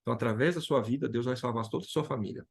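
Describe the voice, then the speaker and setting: A man's voice: mid-range voice, racing, vocal fry, husky. A man from Brazil sharing an emotional personal testimony as a guest, retelling dialogue and repeating key phrases.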